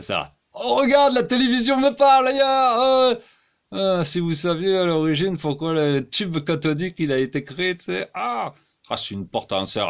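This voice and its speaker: A man's voice: mid-range voice, fairly bright tone. A man delivering a rambling, crude comic monologue as a one-man-show performer, full of exclamations.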